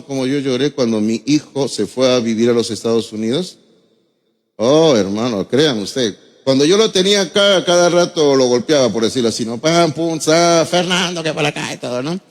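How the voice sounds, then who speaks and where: A middle-aged man with a Peruvian Spanish accent preaching a sermon as pastor, emotional and addressing listeners as brother. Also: fairly high pitch. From Peru. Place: church hall. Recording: long church reverb.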